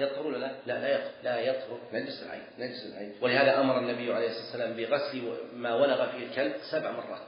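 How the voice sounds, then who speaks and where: A religious teacher lectures at a brisk clip, repeating key phrases and quizzing his class. His voice bounces around a very reverberant room, and the recording sounds dull and lo-fi. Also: mid-range voice. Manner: repeats key phrases, poses questions to students. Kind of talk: classroom lecture on Islamic law.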